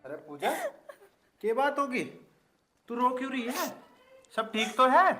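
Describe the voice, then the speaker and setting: A man's voice: a little high, moderate pace, music in the background, lightly acted. A man playing an earnest young villager. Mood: tender. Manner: earnest, heartfelt. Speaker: headman's son, laborer. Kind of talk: rural comedy film acting.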